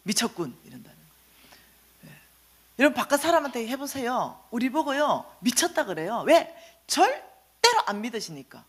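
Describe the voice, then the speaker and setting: A woman's voice: high voice, big pitch swings, normal speed, pauses often. A woman giving a sermon testimony at a church service, pressing the congregation with direct questions. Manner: questions the audience directly, urging answers.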